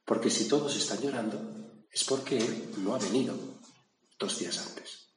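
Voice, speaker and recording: In a medium-pitched voice at a moderate pace, a man gives a reflective gospel sermon in a conversational style, adding small remarks to his listeners. The sound is echoey, with faint noise in the hall.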